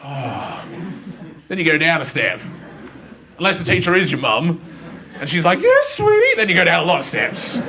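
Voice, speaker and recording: An Australian man performing a live stand-up routine in a school theatre, telling stories in an animated way and slipping into quick voices. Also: fairly high pitch, noisy background. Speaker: stand-up comedian. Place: school theatre before a live student audience.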